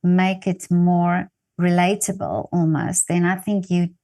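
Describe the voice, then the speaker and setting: A native Afrikaans-speaking woman with a South African Afrikaans accent, chatting as an interviewer and haltingly searching for her words. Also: on the low side, level tone, dark tone. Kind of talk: casual conversational interview.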